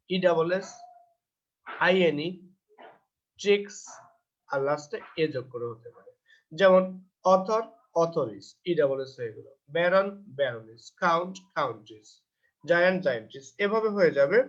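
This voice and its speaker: A Bangladeshi man teaching English grammar in a recorded lecture. He reads textbook lines slowly, then explains them and answers his own questions. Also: high voice, lively intonation. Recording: dull lo-fi recording.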